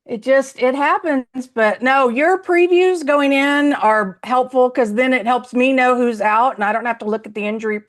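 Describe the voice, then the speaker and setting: A woman with a Southern accent co-hosting a casual sports podcast, chatty and quick to laugh. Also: high-pitched. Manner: animated, laughs often. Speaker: podcast co-host. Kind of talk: casual chat.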